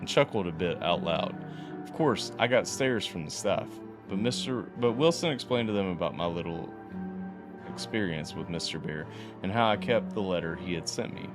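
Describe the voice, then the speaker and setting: A man's voice: low-pitched, expressive, moderate pace, music in the background. A man reading a horror story aloud as a podcast host, stumbling and restarting now and then. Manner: reads unevenly, stumbles and restarts.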